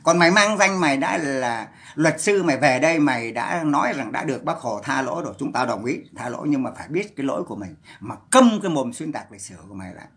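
Angry, gravelly man ranting. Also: mid-range voice, lively intonation, fast talker, few pauses, a bit bright. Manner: heated, scolding, profane. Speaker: livestreamer. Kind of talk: angry livestream rant.

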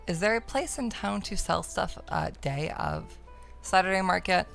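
A woman's voice: fairly low pitch, animated, normal speed, a bit bright, faint music behind. A woman giving casual, playful and irreverent commentary as she plays a game. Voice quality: creaky. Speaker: game streamer. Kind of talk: casual gameplay commentary, reading dialogue aloud.

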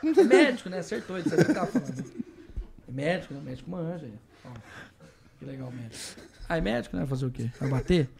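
A man's voice: fairly high pitch, very animated, fast, creaky, pauses often, crowd noise. A man with a Brazilian accent in casual podcast chat, rambling and joking with sudden exclamations and swearing. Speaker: podcast guest comedian.

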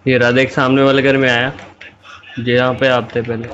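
A man's voice: mid-range voice, little pitch movement, normal speed, fairly bright tone, highs cut off, slight background noise. A man in casual voice chat during a shooter game, giving urgent callouts and repeating commands to his squadmate. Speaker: gamer calling out to a squadmate. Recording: faint gunfire and clicks behind.

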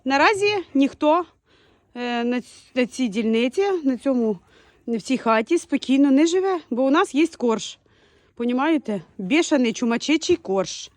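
A woman from Ukraine, a dog breeder, chatting casually outdoors in a village yard and shouting her dogs' names between laughs. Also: high voice, animated, moderate pace, no echo. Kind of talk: casual vlog commentary.

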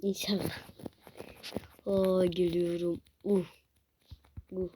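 A woman commentating on her mobile game play, excitable and swearing, shouting at the screen, recorded on a phone. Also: fairly low pitch, takes it slowly, a little hiss or hum. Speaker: gaming video creator.

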